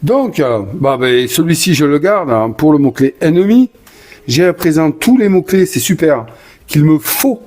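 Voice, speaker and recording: A man's voice: on the high side, animated, normal speed, a little mellow. A man narrating his own solo board game playthrough in a chatty, enthusiastic way, talking himself through each move and sometimes stumbling and correcting himself. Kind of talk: casual solo game commentary.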